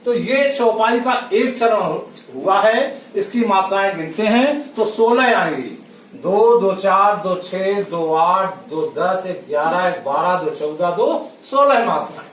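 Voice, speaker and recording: A man's voice: high-pitched, lively intonation, a little hiss or hum. A man teaching a classroom lesson, drawing out each syllable as he counts. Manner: slow, drawn-out syllables while counting. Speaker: school teacher. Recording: roomy, distant from the mic.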